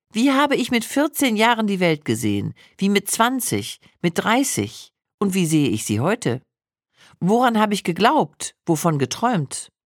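A woman in her sixties narrating her own memoir with reflective, expressive storytelling. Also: lowish voice, no room sound, studio quality. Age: 60s.

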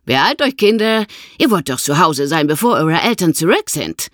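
A woman's voice: low voice, sing-song, normal speed, a bit bright, no echo, studio quality. A woman voicing an eccentric, proud old lady who mixes English words into her speech.

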